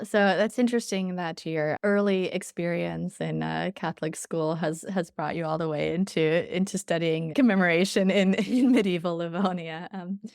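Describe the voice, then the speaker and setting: Podcast host, woman, very low pitch, dry close sound, encouraging, faint music underneath. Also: vocal fry, darkish tone, dry recording. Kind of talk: podcast interview hosting.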